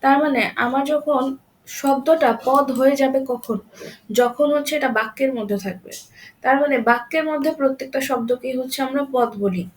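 A woman's voice: sits high, a little fast, low-quality recording. A woman teaching a grammar lesson, repeating examples and checking in with her students.

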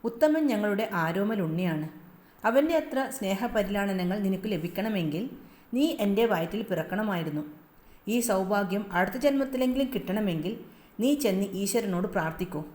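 A woman's voice: mid-range voice, animated, normal speed, a little mellow, close to an everyday voice. Woman putting on a harsh scolding queen, haughty stepmother, storybook telling, roomy echo. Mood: scornful.

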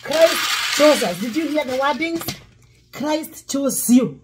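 A middle-aged woman pastor preaches slowly and expressively in a high-pitched voice while cooking at home, breaking into song now and then. Background noise is audible in this cooking-demo sermon, filmed by a fixed camera across the counter.

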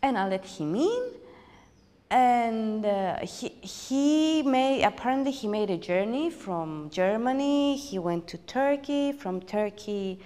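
A woman's voice: a little high, sing-song, slow pace, mellow. A woman telling a personal story in a documentary interview, reflective and hesitant, often restarting her sentences. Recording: long hall reverb.

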